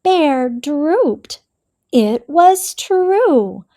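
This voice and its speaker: Casting: woman storybook reader for kids, high, lively voice, unhurried and expressive. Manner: slow, expressive, addressing children. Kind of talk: reading a picture book aloud to children.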